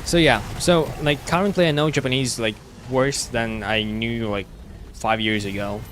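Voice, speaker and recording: A man with a slight British-sounding accent, chatting casually with viewers while streaming a game, talking haltingly with many restarts. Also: medium pitch, steady tone, a bit bright, soft background music. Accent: slight British-sounding English, learned at school. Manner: halting, with frequent restarts and fillers. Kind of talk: casual chat while gaming live.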